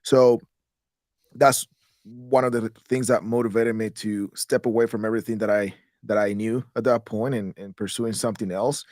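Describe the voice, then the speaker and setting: A man's voice: on the low side, fairly even intonation, moderate pace, darkish tone, no room sound, studio quality. A man in his thirties from Guatemala, a real estate investor, talking casually as an interview guest and often restarting words. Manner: rambling, repeats words when restarting.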